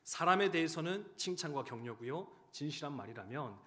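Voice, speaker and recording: A man in his thirties, a pastor giving a sermon, who tells stories and swings between loud urging and hushed, quiet lines. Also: a little high, animated, fairly quick. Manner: storytelling, swinging from loud exhortation to hushed tones. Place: church sanctuary. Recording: church hall reverb.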